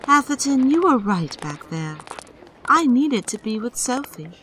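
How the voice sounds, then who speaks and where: Woman playing a bold, high-voiced, unhurried heroine. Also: big pitch swings, a little hiss or hum, poor audio. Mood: reassuring, teasing. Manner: dry, defiant. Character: bold, defiant, teasing young heroine. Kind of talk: audio drama acting.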